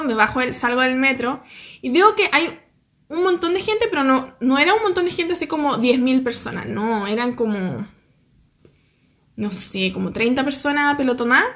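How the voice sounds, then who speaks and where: A young Chilean woman with a Chilean accent, telling a story to her viewers in a lively, slangy way and acting out what people said. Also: high-pitched. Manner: animated, laughing, slangy, acts out quotes. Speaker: vlogger.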